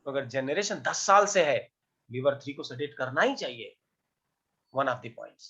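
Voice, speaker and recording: A man teaching an acupuncture class, quizzing his students with quick questions and mixing Hindi with English. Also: mid-range voice, expressive, pushed and bright, muffled recording. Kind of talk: online class lecture.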